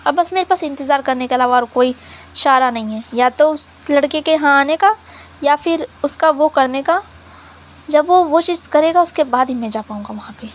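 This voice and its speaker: A woman's voice: sits high, moderate pace, close to an everyday voice. A woman voicing a young male sea creature who has lost his pearl, talking in a whiny, frustrated way. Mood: brooding.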